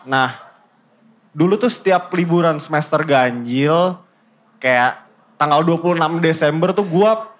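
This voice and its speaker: A man in his twenties with a Jakarta accent, telling his life story in a casual, joking way with deadpan fake-outs and English mixed in. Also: a little high. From Indonesia. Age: 20s. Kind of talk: casual stand-up style storytelling.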